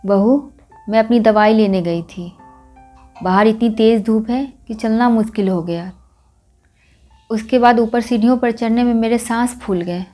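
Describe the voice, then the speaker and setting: Brief: woman as a worn-out, soft-spoken mother-in-law, mellow voice with a touch of height, weary and kind. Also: fairly high pitch, normal speed, faint music behind, close to an everyday voice. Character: tired, gentle older mother-in-law.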